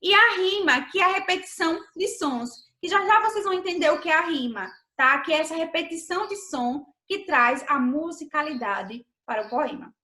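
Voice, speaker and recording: A woman's voice: extremely high pitch, animated, moderate pace, few pauses, sharp tone, reverberant. A Brazilian woman teaching a primary school class in a remote lesson, patient and explanatory, often checking in with the children. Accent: Brazilian Portuguese.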